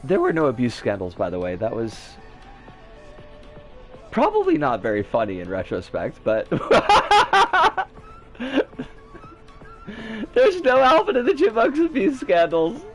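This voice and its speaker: Animated man streaming, wide-swinging pitch. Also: measured pace, faint music behind. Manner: sardonic, rambling, sweary. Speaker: game streamer. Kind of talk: casual livestream chat and commentary.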